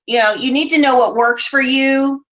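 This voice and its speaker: A woman's voice: high voice, fairly even intonation, moderate pace, pushed and bright, lo-fi sound. A woman in her forties from the American Midwest, a life coach chatting on a live stream, reading out viewer comments, with lots of "you know" and frequent laughs.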